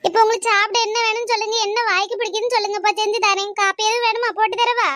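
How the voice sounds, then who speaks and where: A woman's voice: very high-pitched, fairly even intonation, rapid-fire, sharp tone, dry recording, clean studio sound. A woman voicing a caring young woman who coaxes and reassures. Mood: reassuring. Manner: coaxing and reassuring.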